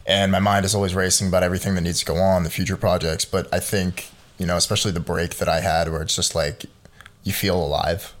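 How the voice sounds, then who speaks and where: A man's voice: low-pitched, level tone, fast, few pauses. A man in his mid-twenties, a podcast guest chatting casually and rambling through stories with lots of "like". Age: 20s. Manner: rambling storyteller, lots of fillers like "like". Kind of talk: casual chat.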